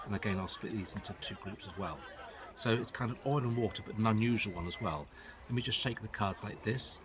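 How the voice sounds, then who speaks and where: A man's voice: fairly low pitch, brisk, crowd noise. A middle-aged man giving casual, chatty patter as a card magician, explaining as he handles the cards.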